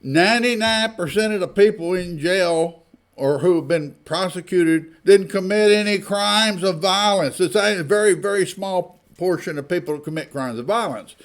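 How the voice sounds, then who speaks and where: An online commentator, a man with a high-sitting voice, offers informal, opinionated takes on the news at a normal speed. He's blunt, folksy and indignant, frequently tossing out rhetorical questions.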